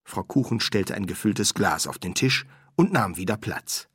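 A man reading an audiobook aloud in a lively storytelling manner. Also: on the low side, moderate pace, breathy edge, dry recording, clean studio sound. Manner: lively storytelling, doing character voices. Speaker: audiobook reader. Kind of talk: scripted narration.

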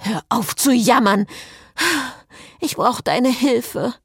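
A woman voicing a sharp-tongued, excitable young witch in a read-aloud novel. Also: medium pitch, unhurried, slightly rough, no echo, studio quality, voice pushed up, heavily acted. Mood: urgent.

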